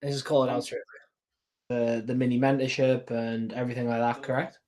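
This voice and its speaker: Talking fast in a medium-pitched, darkish voice with little pitch movement, this UK man goes over an old sales call of his. His commentary on selling is casual and slangy, full of "like" and "mate."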